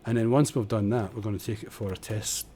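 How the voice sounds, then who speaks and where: Man, low mellow voice, muttering game-stream chatter, faint hiss behind. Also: steady tone, fairly quick. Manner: chatty, muttering while building, self-deprecating. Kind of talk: casual live-stream tutorial commentary. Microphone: desk condenser microphone.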